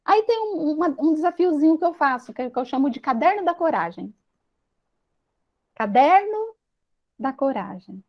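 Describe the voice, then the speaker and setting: Speaking with big swings in pitch, a Brazilian woman with a high voice and Brazilian Portuguese accent delivers a confessional self-help talk to an audience. Her manner is earnest, marked by restarts and tender pauses, and the audio is dull.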